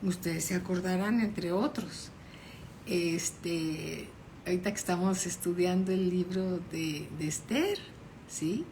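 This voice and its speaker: A woman's voice: on the low side, takes it slowly, darkish tone, slight background noise. A woman pastor giving a Bible study sermon, reading verses aloud and explaining them, often checking in with her listeners.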